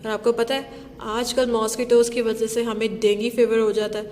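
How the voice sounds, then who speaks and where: A woman teacher leads a phonics lesson for young children, slowly sounding out letters and switching between English and Hindi-Urdu. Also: a little high, level tone, darkish tone. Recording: long reverb.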